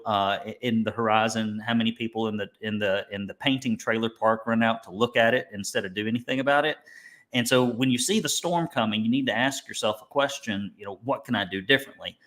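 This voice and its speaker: Medium in pitch with a fairly bright tone, a man from Alabama leads a webinar as an instructor and business coach. His Alabama Southern accent carries a conversational, joking, folksy delivery rich in colorful turns of phrase.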